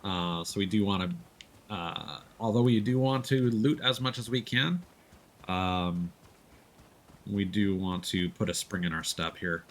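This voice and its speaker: A man with a deep voice streams a video game, calmly talking through it while he plays in a relaxed, easygoing manner. He speaks unhurriedly, with game audio behind him and a little hiss or hum in the recording.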